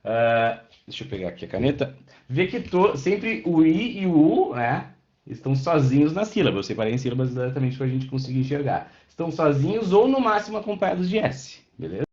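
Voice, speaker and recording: A man's voice: on the high side, sing-song, brisk, darkish tone. A man teaching a Portuguese class who explains step by step, checks often that students follow and answers them by name. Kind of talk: online class lecture. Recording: roomy, dull lo-fi sound.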